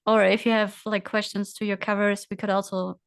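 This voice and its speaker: Woman demoing software, smooth and hesitant. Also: medium pitch, level tone, a little fast, no room sound. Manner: hesitant, many fillers, talks through on-screen steps. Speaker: guest presenter. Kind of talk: casual screen-share tutorial.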